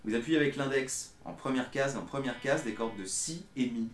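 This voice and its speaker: A man giving a casual guitar lesson in a small room, talking in a relaxed way and counting beats aloud. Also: mid-range voice, a little fast, echoey room. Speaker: guitar teacher. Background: electric guitar playing.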